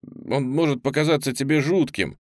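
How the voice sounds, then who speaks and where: A man's voice: medium pitch, normal speed, darkish tone, no room sound, clean studio sound, close to an everyday voice. A man voicing a clumsy young male cook who stammers and pleads in a flustered way.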